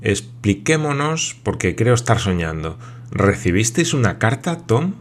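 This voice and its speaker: A man's voice: on the low side, very animated, measured pace, slight background noise. A man voicing a bewildered lord who presses question after question. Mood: urgent questioning.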